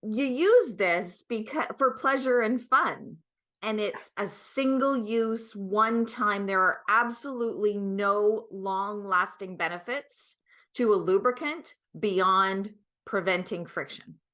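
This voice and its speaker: A middle-aged woman, a guest expert and product creator, explains things conversationally and emphatically, often checking that the listener is following. Her mid-range voice is a bit bright, and she takes it slowly.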